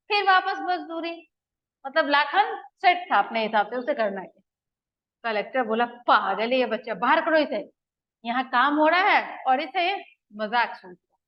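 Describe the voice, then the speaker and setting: A woman's voice: high-pitched, highs cut off. A woman retelling and explaining a drama scene for students, moving between quoted dialogue and plain explanation. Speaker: teacher explaining a play.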